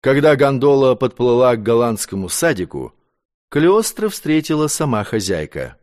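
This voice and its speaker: A man narrating an audiobook with an expressive reading. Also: medium pitch, moderate pace. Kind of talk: scripted narration.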